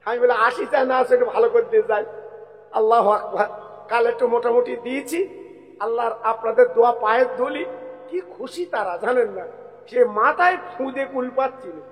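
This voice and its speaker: A hoarse male preacher with a West Bengal Bengali accent, delivering a sermon to a large gathering and urging them to chant. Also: very high-pitched, normal speed, long reverb tail, low-quality recording. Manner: addresses crowd directly, calls for takbir chants. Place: large outdoor religious gathering.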